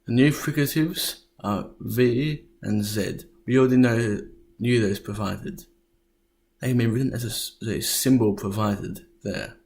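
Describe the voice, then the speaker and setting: A man reads a history lesson at an unhurried, very slow pace, his voice sitting at a mid pitch. He spells out sounds one by one with care, and now and then he trips over a word before going on. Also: darkish tone. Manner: deliberate, spells out sounds, occasional stumbles. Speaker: student presenting a history lesson. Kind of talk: scripted explanatory narration.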